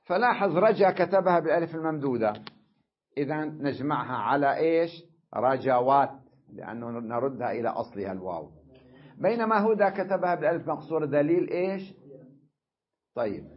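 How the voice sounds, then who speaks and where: A man teaches a classroom grammar lesson in a husky, slightly breathy voice. He explains step by step and keeps checking that his students follow. The recording is dull and lo-fi. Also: on the high side. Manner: explains step by step, asks the class "tamam?" often.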